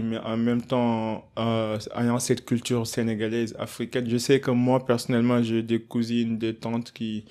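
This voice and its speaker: A male podcast host speaks in a mid-pitched, steady voice. His delivery is flat and unhurried as he asks questions in a relaxed, chatty way. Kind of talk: casual interview talk.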